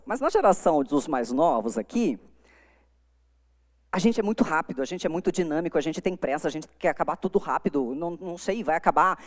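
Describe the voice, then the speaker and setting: A woman's voice: sits low, darkish tone. Brazilian woman, middle-aged, giving an emphatic talk on stage with a mic, voice ringing through a big hall. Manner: emphatic, demonstrative, shifts volume to make points. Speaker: lecturer at a lawyers' congress. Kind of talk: live lecture on communication. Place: conference hall before an audience. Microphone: handheld microphone. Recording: long hall reverb.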